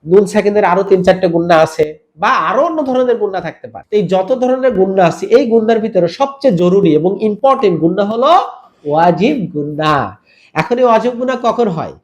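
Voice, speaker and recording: A man teaching Quran recitation rules, spelling out each letter and vowel mark and then drawing the words out slowly in a chanted style, asking the listener to repeat. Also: high-pitched, lively intonation. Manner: asks the listener to repeat after him. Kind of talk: step-by-step tajweed lesson.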